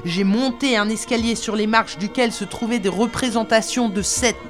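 Conan, a woman doing a gruff wounded barbarian king. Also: on the high side, normal speed, soft background music, pitched above the performer's own voice, natural voice. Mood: furious. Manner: growling, cursing. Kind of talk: audiobook character voice.

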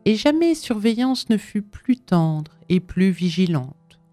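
A woman reading a classic novel aloud in measured, even narration. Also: medium pitch, faint music behind. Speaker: audiobook reader. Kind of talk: scripted narration.

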